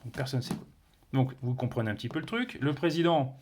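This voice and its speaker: A man's voice: medium pitch, a little fast, darkish tone, slight background noise. A man reviewing a board game, explaining its rules casually with many fillers, restarts and playful sound words. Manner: hesitant, many fillers and self-corrections.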